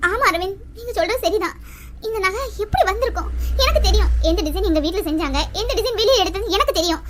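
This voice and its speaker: Woman as worried young woman, super high bright voice, bouncy pitch. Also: animated, fast, noisy background. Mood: resolved. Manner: tearful, pleading. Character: anxious young woman defending her family. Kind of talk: family drama skit.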